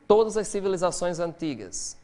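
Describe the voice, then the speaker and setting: A middle-aged man delivers a sermon in lecture style, animated and swinging between quiet explanation and loud excitement. His voice sits high and his pace is moderate.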